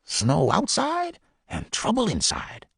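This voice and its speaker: A man's voice: high-pitched, huge pitch swings, slow pace, vocal fry, breathy edge, no echo, clean studio sound, pitched above the performer's own voice, heavily acted. A man voicing a fearful, wary runaway man who talks in short, clipped phrases. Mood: weary.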